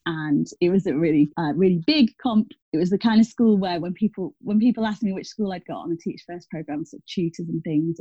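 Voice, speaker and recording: A woman's voice: lowish voice, warm tone, no echo. A woman in her thirties, a teacher speaking casually as an interview guest, chatty with many fillers and self-corrections. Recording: dull, dry lo-fi sound.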